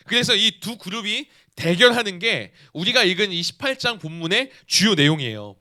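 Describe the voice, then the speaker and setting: Lively, bright-voiced young man preaching. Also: sits high. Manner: lively, asks the audience questions and acts out quotes. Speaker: youth pastor. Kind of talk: youth sermon.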